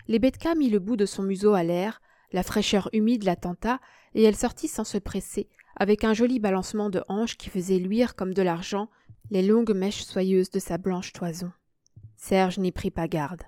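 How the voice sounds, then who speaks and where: A woman narrating a short story as an audiobook reader, in an even storytelling manner. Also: mid-range voice, no room sound, studio quality.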